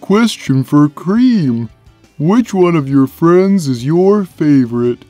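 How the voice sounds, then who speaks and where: A woman voicing a big, gentle, simple-minded male cartoon cat with a placid, deadpan manner. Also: sits low, dry recording, faint music behind, heavily acted. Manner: placid, deadpan, plain and slow. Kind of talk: animated character Q&A, fan dub.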